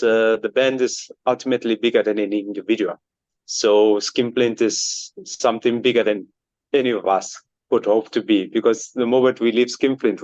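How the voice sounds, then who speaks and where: A man's voice: fairly low pitch, a little mellow, no echo, highs cut off. A man from Botswana, a band member being interviewed, speaking earnestly with many fillers. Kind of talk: casual interview answers.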